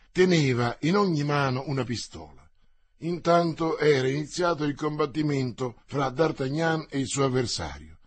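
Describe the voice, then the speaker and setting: A man narrates an adventure novel aloud in a steady, measured way. His voice sits a little high, with a husky, breathy texture. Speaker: audiobook narrator. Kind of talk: scripted narration.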